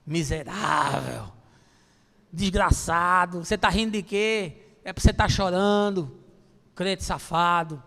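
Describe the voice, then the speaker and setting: Brief: cranky old God with a cane, put on by a preacher, low, slow, insulting, in an echoing hall. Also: male voice, creaky, a bit bright, heavily acted. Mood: scolding. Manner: harsh, insulting, growling. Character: grumpy old male God with a cane, scolding.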